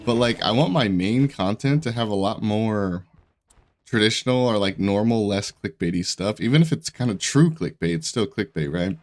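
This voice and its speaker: Congested and nursing a sore throat, a young male YouTuber comments on a game he's playing in a low-leaning, animated, somewhat dark voice at a moderate pace. His talk is casual and meandering, full of restarted sentences and frequent laughter.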